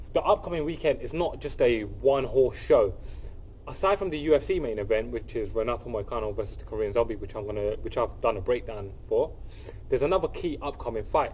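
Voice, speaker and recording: A young man with a sniffly cold chats to camera on his channel, eagerly analyzing a fight that's coming up. The voice sits at medium pitch with a slightly mellow quality, and he keeps repeating himself, restarting and using fillers. Slight background noise is audible.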